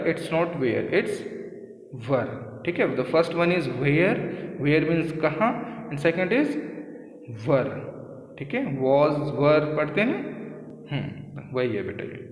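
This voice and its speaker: An Indian man teaching a school lesson, his voice a touch higher than most men's. He explains very slowly and patiently. The room around him is echoey, with a long reverb tail. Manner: slow, patient explaining, calls students beta. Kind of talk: Hindi-English school lesson.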